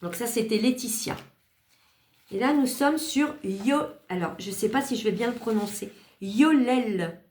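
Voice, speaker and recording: A woman's voice: a little high, expressive, normal speed, a little mellow, a little hiss or hum. A woman hosting a craft channel, casually showing cards she was sent and thanking each maker in a chatty, grateful way with small hesitations. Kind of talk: casual show-and-tell of cards. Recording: echoey room.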